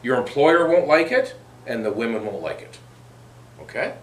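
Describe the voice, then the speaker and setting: A man's voice: mid-range voice, animated, moderate pace, close to an everyday voice. A man playing a prim, religious woman who hosts an advice show in a comedy sketch, fussy and motherly. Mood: lecturing. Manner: fussy, motherly, sighing "oh dear". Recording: echoey room.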